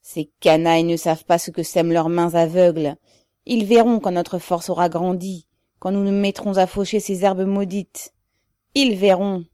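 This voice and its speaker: A man's voice: on the high side, slow pace, dark tone, dry recording, studio quality. A fiery bitter peasant man, as a woman reader puts him on. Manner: fiery, rousing.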